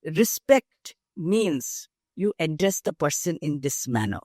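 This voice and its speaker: An older woman with an Indian accent, speaking as a guest in an interview, measured and emphatic as she explains through lists of examples. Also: low-pitched, sing-song, dark tone, no echo, studio quality. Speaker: guest, nonprofit founder. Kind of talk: interview conversation.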